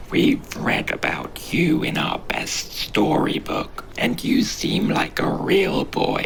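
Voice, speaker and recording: A man voicing a small, clumsy, excitable creature with tentacles, antlers and wings in a storybook tale, speaking in a trembling, whispery squeak. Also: vocal fry, a little hiss or hum, full character voice.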